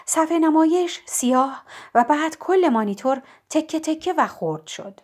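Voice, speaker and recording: A woman narrating an audiobook in a lively, expressive reading. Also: sits high. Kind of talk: scripted narration.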